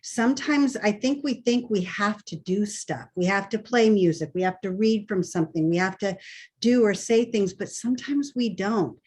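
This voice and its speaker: A woman's voice: mid-range voice, a little mellow. A woman speaking as a hospice nurse, giving reassuring, plain-spoken advice in a conversational way. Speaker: hospice nurse answering volunteers' questions. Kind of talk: conversational advice on a group call.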